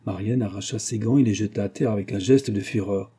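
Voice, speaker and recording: Dark, husky-voiced male storyteller. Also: lowish voice, brisk. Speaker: audiobook narrator. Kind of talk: scripted narration.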